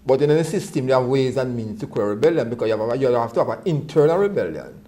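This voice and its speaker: Mellow Jamaican man in Rasta-style reasoning. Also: mid-range voice, sing-song, fast talker, a little hiss or hum. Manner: Rasta speech with patois phrasing; emphatic, repeats words and phrases. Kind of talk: Rastafari reasoning, conversational discussion.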